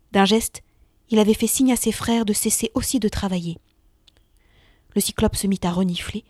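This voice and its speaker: A woman's voice: mid-range voice, no room sound. Woman narrating a children's story, dry sound. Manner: expressive, drops to a hush in tense moments.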